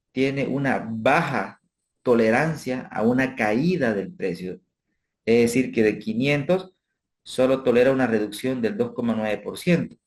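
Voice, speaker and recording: A man's voice: mid-range voice, a little mellow. A man giving a recorded finance class over a spreadsheet, explaining step by step and checking in with his students with frequent tag questions. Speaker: instructor. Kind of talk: spreadsheet tutorial lecture.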